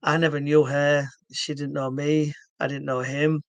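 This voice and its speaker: The voice is a man's, a little high and clean, with a level tone and moderate pace in a dry recording. He's from England, speaks with a Yorkshire accent, and earnestly walks the camera through his stroke therapy method in a casual way, full of fillers and restarts.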